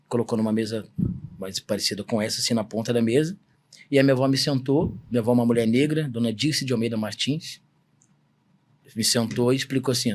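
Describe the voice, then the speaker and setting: A man in his forties from Brazil, a samba singer telling a personal story in a podcast interview, earnest and emphatic. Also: mid-range voice. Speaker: guest, samba singer-songwriter.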